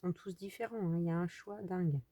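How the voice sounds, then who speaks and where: A woman's voice: on the low side, fast talker, warm tone, no echo. A French woman chatting casually as she walks through a crafting tutorial, thinking aloud with trailing fillers. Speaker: crafting video host.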